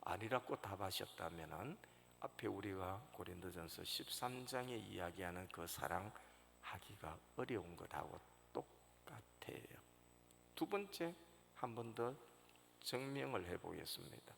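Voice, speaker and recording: A male pastor preaching a sermon in a church sanctuary, telling the story with sudden loud rises and hushed drops. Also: sits low, expressive, measured pace, vocal fry. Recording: reverberant church hall, faint noise.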